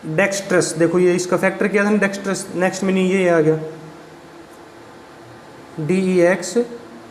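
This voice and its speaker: High-voiced man spelling out vocabulary. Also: level tone, normal speed. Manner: spells words letter by letter, asks and answers his own questions. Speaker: vocabulary teacher. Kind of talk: classroom vocabulary lesson. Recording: echoey room with faint background noise.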